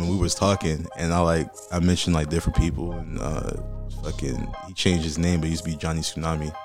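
A young man from Boston with a very low voice talks loosely and profanely as a podcast guest, his stories full of fillers. Music plays clearly underneath him. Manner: loose, profane, fast-flowing storytelling with many fillers. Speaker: guest rapper. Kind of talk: casual podcast chat.

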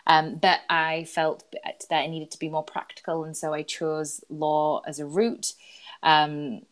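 Yorkshire woman in her thirties, low-voiced guest, chatty and self-deprecating. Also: completely flat delivery, a little slow. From Yorkshire, England. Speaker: guest, employment lawyer. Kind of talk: casual interview chat.

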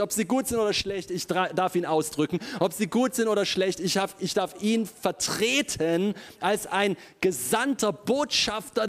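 High-voiced, animated German preacher. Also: male voice. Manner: animated, addresses the congregation directly with repetitions. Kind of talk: sermon.

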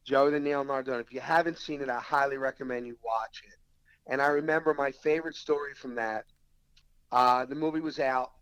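Clear and resonant in the mid range, this man's voice carries a South Philadelphia accent despite a dry, low-quality recording. As an actor guest in a casual interview, he tells animated anecdotes, quoting what others said to him.

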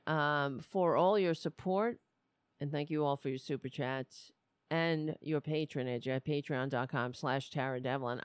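Slow-talking woman hosting a live stream. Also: low voice, clear, resonant tone, no room sound, clean studio sound. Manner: loose, halting, conversational. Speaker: host of a live political show. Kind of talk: casual live-stream talk to viewers.

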